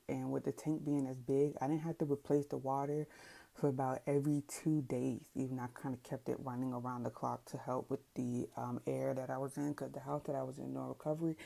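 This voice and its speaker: Very deep, creaky-voiced woman. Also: mellow. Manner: conversational, explanatory. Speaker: vlogger. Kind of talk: casual product recommendation vlog.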